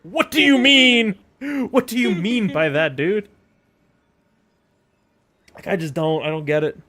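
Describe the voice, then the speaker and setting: Man, game streamer, casual chat, high voice, animated, joking mock outrage. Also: slow pace.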